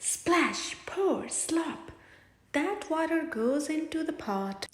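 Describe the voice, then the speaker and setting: Animated, slow woman storyteller. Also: high voice. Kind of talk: bedtime story reading. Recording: echoey room.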